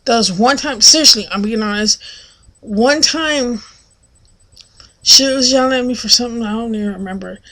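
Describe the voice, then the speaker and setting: A woman's voice: moderate pace, long pauses. A woman vlogging casually, telling a rambling story full of fillers and restarts and acting out other people's lines. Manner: acts out other people's lines in a loud, high voice.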